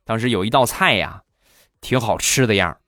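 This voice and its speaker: A man telling comic anecdotes about married life in a lively, animated way. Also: on the low side, fairly quick, dry recording, clean studio sound. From China. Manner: animated, switching into playful voices. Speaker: comedy storyteller.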